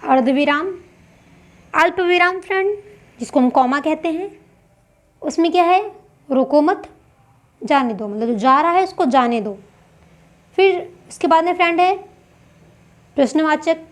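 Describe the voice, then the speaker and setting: A woman's voice: very high-pitched, measured pace, pauses often. A woman teaching a grammar lesson for exam prep. She explains step by step and asks questions that she then answers herself.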